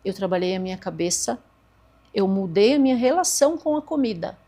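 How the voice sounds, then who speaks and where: Her voice is medium-pitched, warm and expressive, and she talks fairly quickly. She is a therapist and speaker in her forties, earnestly recounting her own story as a podcast guest and performing past conversations.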